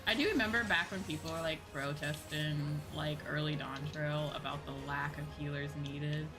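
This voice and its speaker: Game music plays in the background while a woman livestreams an online game, chatting and thinking aloud in a loose, informal, wandering way. Her voice is low-pitched and steady, and she speaks at a normal speed.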